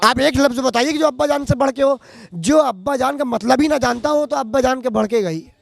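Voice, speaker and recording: Brief: outspoken local man, very high pitch, fiery street-interview orator. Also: fairly quick, creaky, no echo.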